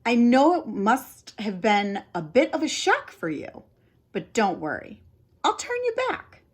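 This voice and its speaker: A woman voicing an excitable young boy talking urgently and with exasperation in a read-aloud story. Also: on the high side, unhurried, breathy edge, voice pushed up, exaggerated voice. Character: excitable young boy, bossy big brother.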